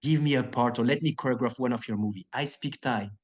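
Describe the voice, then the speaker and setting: A chill man in his 30s, an action choreographer and actor, rambles through a casual interview chat at a fast clip. His medium-pitched voice is relaxed and full of "uh" and "like," with many fillers and restarts.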